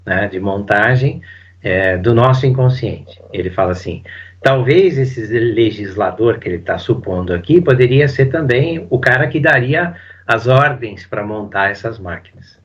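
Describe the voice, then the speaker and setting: A man, a psychoanalyst, giving a casual spoken seminar commentary, animated and full of fillers. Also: mid-range voice, unhurried, highs cut off. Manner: animated, uses lots of fillers and acts out quotes. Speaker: psychoanalyst teaching Lacan.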